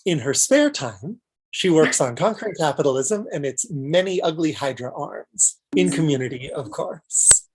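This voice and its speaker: A woman hosting an informal event, introducing performers in a halting, searching way. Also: low voice, expressive, a little mellow, slightly rough, poor audio.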